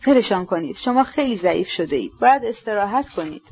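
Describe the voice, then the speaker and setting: A gentle, simple-hearted young nobleman speaks mildly and softly, as a woman reader puts him on. The recording sounds dull and lo-fi. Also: mid-range voice, animated, a little hiss or hum, natural voice.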